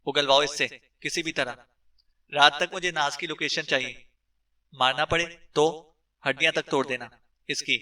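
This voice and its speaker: A man's voice: a little high, fairly even intonation, normal speed, long pauses, sharp tone, distant mic, low-quality recording. A man voicing an angry male gang leader who barks harsh orders, in an audiobook. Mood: menacing. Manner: barking orders.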